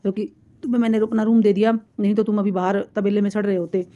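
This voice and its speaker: A bossy, caring young woman scolds in quick, brisk commands, as a woman narrating a serial reads her part. The delivery stays flat and fast, with a mellow, warm tone. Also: medium pitch, lo-fi sound, natural voice.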